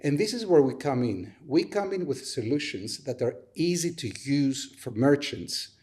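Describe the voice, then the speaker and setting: A man at a middle pitch explains his startup's business model as a podcast guest. He talks methodically and builds each point on everyday buying examples. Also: animated, moderate pace, darkish tone.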